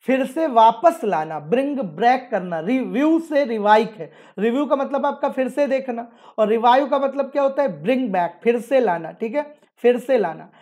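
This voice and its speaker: A man's voice: extremely high pitch, lively intonation, normal speed, darkish tone. A man teaching English vocabulary, explaining words through memory tricks and repeatedly asking and answering his own questions. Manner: repetitive, drilling phrases over and over. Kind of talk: explaining newspaper vocabulary with mnemonics.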